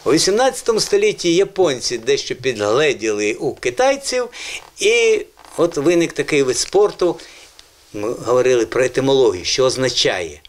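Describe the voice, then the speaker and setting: A male TV host speaks in a teacherly, encouraging way, his pitch rising and falling a great deal as he explains words to children in a studio. His tone is patient and explanatory, and his voice sits at an ordinary middle pitch for a man. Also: sing-song, moderate pace. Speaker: children's language show host. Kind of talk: educational TV presenting.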